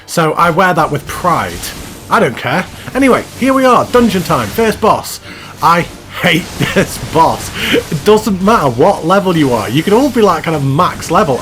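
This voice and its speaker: A man's voice: on the high side, fairly bright tone, low-quality recording. A man hosting a gaming channel, giving a chatty, self-mocking commentary voice-over and laughing at himself. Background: background music.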